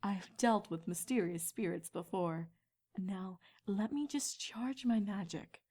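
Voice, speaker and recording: A woman voicing a kindly, mature pony princess and mentor in a cartoon-style fan story, with a composed, regal, measured manner. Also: mid-range voice, a little mellow. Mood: thoughtful.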